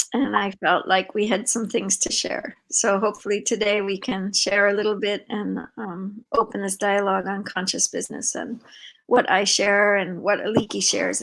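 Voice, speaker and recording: An older woman hosting a live video-call interview, talking in a warm, rambling way with many fillers. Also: mid-range voice, creaky, rough recording. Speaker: host and founder of an organization. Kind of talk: casual conversational interview.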